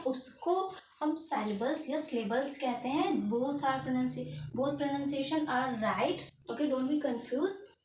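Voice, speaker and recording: A woman teaching an English grammar lesson in Hindi and English, explaining step by step and checking in with "okay". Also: high voice. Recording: echoey room, distant mic, faint noise.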